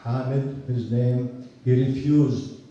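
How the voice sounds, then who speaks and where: An older man from Palestine, a university professor, giving an earnest, measured rally speech outdoors. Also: medium pitch, fairly even intonation, dark tone, heavy reverb, recorded from a distance, highs cut off, a little hiss or hum. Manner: earnest, measured storytelling with restarts.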